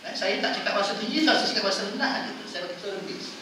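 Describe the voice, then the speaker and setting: Malaysian Malay preacher, high-pitched and playful, recorded from afar in a noisy, echoing hall. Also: male voice, racing. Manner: playful, quizzes audience, acts out wives' voices. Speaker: religious lecturer. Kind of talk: lively mosque lecture. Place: mosque prayer hall. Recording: echoey hall, distant mic, noisy.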